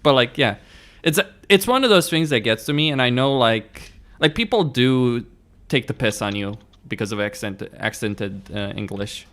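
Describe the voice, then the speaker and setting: A man's voice: medium pitch, expressive, moderate pace, a bit bright. A man from Romania with a Romanian accent, hosting a gaming channel in casual chat while playing, rambling and correcting himself often. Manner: rambling, self-correcting, frequent "like".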